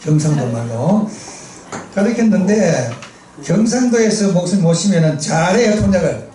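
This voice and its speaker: A man's voice: high-pitched, animated, normal speed, warm tone, a little hiss or hum. A middle-aged man with a Gyeongsang accent preaching a sermon in a church, telling funny stories and prompting the congregation for replies. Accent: Gyeongsang dialect Korean. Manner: chatty, storytelling, asks the congregation for responses. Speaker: missionary preacher. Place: church sanctuary. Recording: echoey church hall, distant mic.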